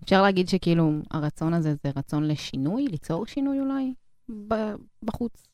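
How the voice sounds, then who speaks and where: A woman's voice: on the low side, darkish tone, no room sound, clean studio sound. A young woman with an Israeli accent, interviewing in a casual, conversational way. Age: young adult.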